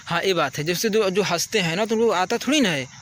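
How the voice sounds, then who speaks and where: With slight noise in the background, a man speaks quickly in a high, slightly bright voice. He's a teacher giving kids earnest, repetitive advice outside at night in a casual talk, repeatedly checking understanding with "ठीक है".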